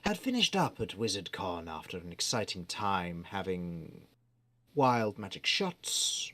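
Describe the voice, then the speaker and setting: A man running a tabletop game as storyteller, narrating theatrically and sometimes dropping to hushed tones. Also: low voice, big pitch swings, a little slow. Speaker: game master.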